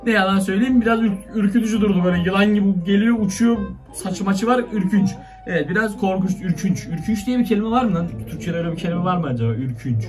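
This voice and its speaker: A man hosting a reaction video, commentating excitedly with slangy exclamations. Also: high-pitched, racing, hardly any pauses. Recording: distant mic with faint music.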